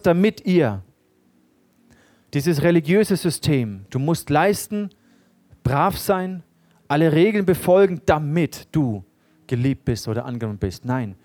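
Man, preacher at a service, earnest and direct, swings from emphatic to hushed, bright-ish voice, dry close sound. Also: no room sound. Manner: earnest, addresses listeners directly with questions; swings between raised, emphatic lines and quiet, low ones. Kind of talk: sermon. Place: church service.

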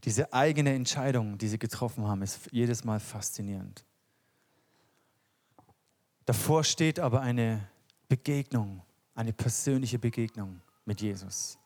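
A man preaching a sermon in an impassioned, conversational way, often sinking into soft, hushed tones. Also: mid-range voice, measured pace, pauses often. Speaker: pastor.

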